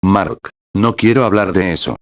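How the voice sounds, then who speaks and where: A man reading the lines of a weary, guarded young human hero in a slow, plain way. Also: sits low, no echo, dull audio.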